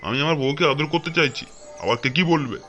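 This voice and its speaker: A man's voice: on the high side, animated, quick pace, noisy background, natural voice. A man playing a whining crazed beggar. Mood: pleading. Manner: whining and pleading. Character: dazed, pleading male beggar gone mad. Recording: music behind the voice.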